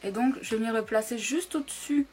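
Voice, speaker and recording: A young woman chatting casually through a makeup tutorial at home, keeping her voice soft so she won't disturb anyone. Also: a little high, brisk, slightly rough, soft background music. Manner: chatty, talks softly so as not to disturb. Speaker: beauty YouTuber. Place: home room at a makeup table.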